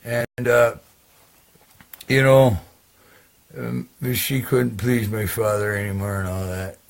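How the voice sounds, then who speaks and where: A man's voice: fairly low pitch, level tone, takes it slowly, creaky. A man telling a rambling comic tall tale in character, full of hesitations and crude asides.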